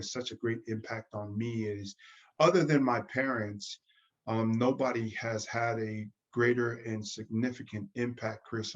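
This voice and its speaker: A man hosting an interview, asking long, winding questions. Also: medium pitch. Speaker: host. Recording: dull, lo-fi sound.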